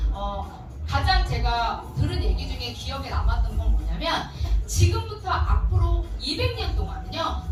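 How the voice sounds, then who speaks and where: A woman with a high voice delivers a motivational sales lecture and keeps turning to her audience with questions. She sounds set back from the mic in a large, very echoey hall, with music playing clearly behind her. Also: far from the mic. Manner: animated, addresses audience directly with questions. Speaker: business seminar speaker.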